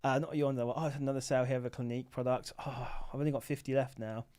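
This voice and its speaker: Speaking fast with a smooth, darkish tone, this man keeps his medium-pitched voice fairly even in intonation. He's an Amazon seller running a late-night livestream, sounding tired and sleepy as he chats loosely and muses aloud with many filler words.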